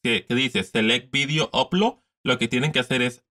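A man's voice: medium pitch, moderate pace, pushed and bright. A man in his thirties giving a casual step-by-step screen tutorial from his desk, repeating steps and mixing in English words. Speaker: tutorial host.

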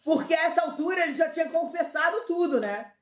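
Animated high-voiced woman telling a story. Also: fast, echoey room, heavy background noise. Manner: animated, acts out quoted dialogue, laughs while telling. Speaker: guest storyteller. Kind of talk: comic anecdote on a talk show.

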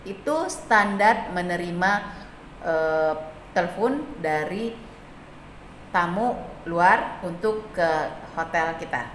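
A hospitality instructor with a lowish, expressive voice lectures slowly, with long pauses and many hesitation fillers. She explains the lesson step by step and acts out sample phone greetings, recorded in an echoey room with faint background noise.

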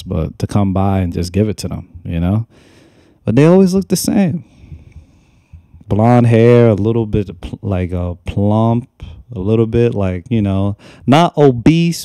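A young man with a very dark, mellow voice gives casual reaction commentary, mocking and exasperated and saying the same thing again and again. He speaks into a desk microphone in a small room, and the sound is dry and close. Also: fairly low pitch, clean tone, no echo. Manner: mocking, exasperated, repeats himself. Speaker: reaction video host. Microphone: desk microphone on a stand.

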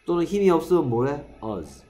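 A man's voice: on the high side, animated, moderate pace, faint music behind. A Korean-speaking man teaching middle school English in a classroom, drilling pronunciation and often checking that students follow. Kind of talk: classroom lecture. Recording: echoey classroom.

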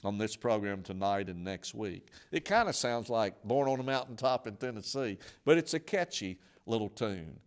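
A man's voice: lowish voice, expressive, normal speed, hardly any pauses. Emphatic male radio preacher. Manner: emphatic, repetitive lists, building to forceful climaxes. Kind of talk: broadcast sermon.

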